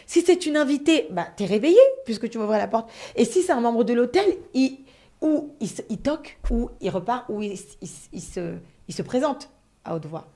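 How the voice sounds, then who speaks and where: Woman, live storyteller, fairly high voice, dramatic and animated, swears, talks to her viewers. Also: moderate pace. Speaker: storyteller host of a live stream.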